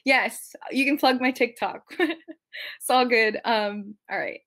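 A woman's voice: fairly high pitch, takes it slowly, a bit bright. A woman in her twenties chatting casually on a livestream in a bubbly, self-mocking Gen Z manner, sprinkled with "like", on a webcam in a bedroom. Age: 20s. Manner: bubbly young Gen Z talk, giggly, self-mocking, full of "like". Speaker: TikTok creator and actor hosting a livestream. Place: small bedroom, indoors.

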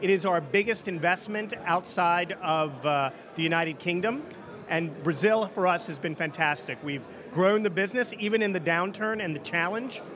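High-pitched male executive, forties, measured interview delivery over busy crowd chatter. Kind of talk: interview answers. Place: indoor reception event at a hangar. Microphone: handheld interview microphone.

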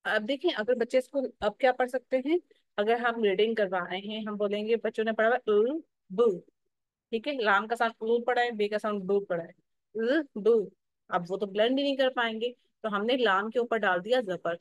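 A woman with a Pakistani Urdu accent teaching a phonics lesson for teachers, slowly sounding out syllables and often checking in. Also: a little high, dry recording, lo-fi sound. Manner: explanatory, checks in with "theek hai" often.

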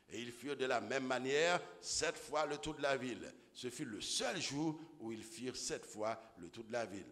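A man preaching a sermon as pastor, swinging from low murmurs to shouted exclamations. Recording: echoey hall with long reverb.

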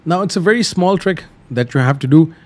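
This man, who hosts flight simulator tutorials, speaks fairly quickly in a higher-than-average voice with lively intonation. His explanations are casual and step by step, and he repeats simple instructions.

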